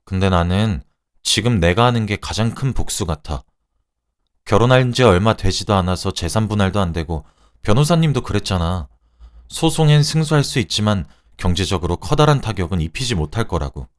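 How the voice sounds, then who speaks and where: A man voicing a sharp-tongued young wife who coldly mocks her rival, his voice raised in pitch. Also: animated, a little fast, close to an everyday voice. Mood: calm, soft. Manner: cold, cutting, mocking.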